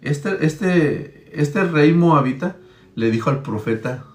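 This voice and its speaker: A man's voice: on the high side, lively intonation, slow, echoey room. A man preaching, retelling Bible stories in a conversational, storytelling way and checking in with his listeners. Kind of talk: Bible-teaching sermon.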